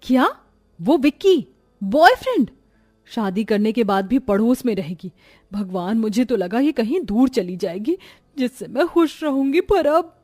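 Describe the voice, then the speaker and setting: A woman's voice: lively intonation, unhurried, darkish tone, faint music behind. A woman playing a grumbling, fed-up housewife. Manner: grumbling and exasperated, pitched lower. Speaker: daughter-in-law character. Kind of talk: cartoon voice acting.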